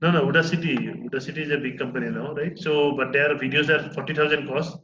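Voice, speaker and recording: Speaking fast with fairly even intonation and a fairly high pitch, a man chats casually about technical matters as an instructor, hesitating and restarting with many fillers. A crowd can be heard behind him, and the recording is roomy, dull and lo-fi.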